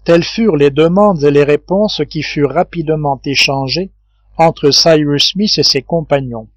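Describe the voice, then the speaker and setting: Guy reading an old adventure novel, bit high voice, steady pace, dry dull recording. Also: moderate pace, no echo. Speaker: audiobook reader. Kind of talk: scripted narration.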